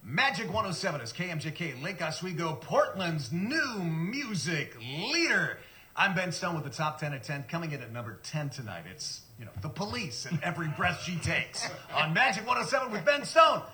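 A man's voice: on the high side, big pitch swings, moderate pace, pushed and bright. A man playing a punchy, showy radio DJ announcing a top ten countdown. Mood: upbeat, showy.

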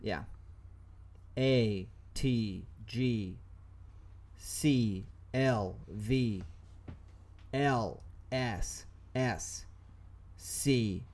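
A man co-hosts a casual comedy podcast at an ordinary pitch. He rambles, restarts his sentences and reads letters out slowly, one by one. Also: darkish tone. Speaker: podcast co-host.

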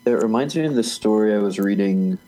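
A man's voice: on the low side, a little fast, mellow, poor audio. A man co-hosting a soccer podcast, chatting casually in a rambling way with frequent restarts and easy laughs. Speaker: podcast co-host. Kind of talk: casual chat.

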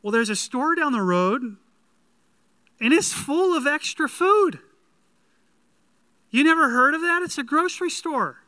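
A man's voice: high-pitched, measured pace, fairly bright tone, no echo. A man playing a flustered, proud modern homeowner in a sermon skit, explaining in an eager, stammering way.

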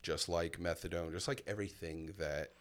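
In a relaxed, casual conversation, a guest in his thirties shares his testimony about his own past in a very low, deep voice. He comes across as candid and reflective, with lots of "um"s and pauses along the way.

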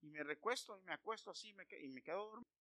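A man preaching a sermon, emphatic and building to loud declarations. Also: high voice, lively intonation, rapid-fire, dry recording.

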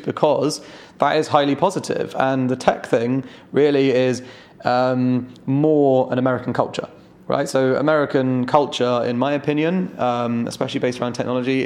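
A man's voice: mid-range voice, a little mellow. Startup founder, male, 30s, frank and loose, casual swearing. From London. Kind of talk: casual interview chat.

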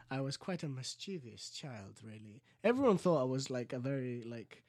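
Co-hosting a casual podcast, a late-teen man from Greece with a Greek accent rambles through stories, laughing as he goes, often letting his voice fall low and soft. He sounds very animated and speaks a little slowly, on a dry recording.

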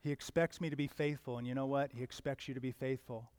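A man in his fifties preaching a sermon in an earnest, conversational way, with sudden loud emphatic swells. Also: medium pitch, steady tone, fast talker, clean tone, no room sound. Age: 50s. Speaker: pastor.

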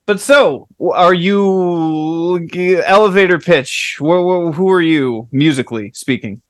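A man's voice: high-pitched, a little slow, dry recording, clean studio sound. A man hosting a podcast interview, joking and self-deprecating as he rambles through casual chat. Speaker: podcast host.

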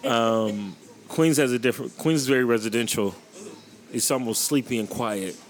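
A man's voice: mid-range voice, moderate pace. Opinionated young man from Chicago. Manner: relaxed, opinionated, says "like" a lot. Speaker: host. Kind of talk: casual chat.

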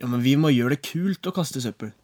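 A man's voice: medium pitch, animated, a little mellow. A young man co-hosting a podcast in casual, conversational talk. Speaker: podcast co-host. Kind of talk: casual chat.

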